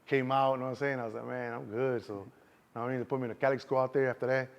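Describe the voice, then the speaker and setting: A Chicago man in his thirties, appearing as a guest in a casual street interview, talks fast and loosely at a middle pitch, constantly tossing in "you know what I'm saying." His tone stays level and gravelly, and the audio sounds dull.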